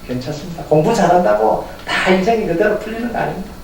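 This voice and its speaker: Male pastor, high and animated, preaching in a very echoey sanctuary. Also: quick pace, a little hiss or hum. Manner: animated, talks straight to the congregation with rhetorical questions; chuckles through his points. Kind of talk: Sunday sermon. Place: church sanctuary. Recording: echoey hall heard from a distance.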